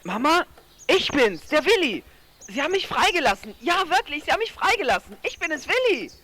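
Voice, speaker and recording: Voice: high-pitched, big pitch swings, a little fast, bright, forceful tone, no echo, heavily acted. An actor voicing a chatty, boastful teenage boy in a radio play. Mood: excited. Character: chubby cheeky teenage boy, food-loving.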